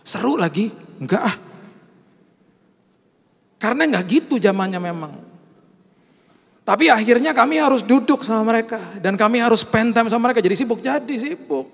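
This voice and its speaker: A middle-aged male pastor, telling animated stories in a sermon and mixing in English phrases. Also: high-pitched, long reverb tail.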